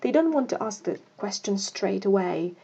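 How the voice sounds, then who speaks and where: A woman's voice: medium pitch, animated, normal speed, vocal fry, warm tone, slight background noise. A woman teaching an English grammar lesson. She explains patiently, step by step, and reads example sentences aloud.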